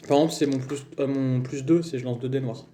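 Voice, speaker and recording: A man's voice: mid-range voice, steady tone, quick pace, over a noisy crowd. A man playing a tabletop game, casually and inquisitively checking how the rules work. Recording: echoey, noisy room.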